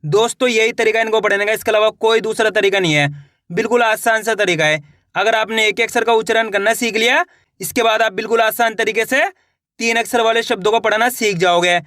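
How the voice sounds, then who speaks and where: Bright, high-voiced male teacher. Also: steady tone, fairly quick, no room sound, clean studio sound. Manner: sounds out each syllable, asks and answers himself. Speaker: Hindi reading teacher. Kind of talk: slow spelling lesson.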